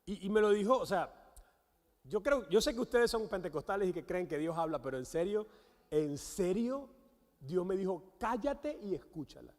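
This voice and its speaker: Animated Venezuelan preacher in a reverberant hall. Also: male voice, high-pitched, normal speed. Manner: animated storytelling, acts out quotes. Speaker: guest pastor. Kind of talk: sermon. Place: church sanctuary. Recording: long church hall reverb.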